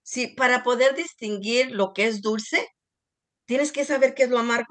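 A woman's voice: fairly high pitch, normal speed, fairly bright tone. A woman leading a parenting group, explaining to the parents and addressing them directly. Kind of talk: casual group talk. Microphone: video call.

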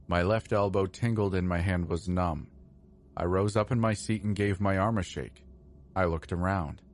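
Very deep-voiced male horror narrator. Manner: slow, measured, somber. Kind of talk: scripted first-person horror narration.

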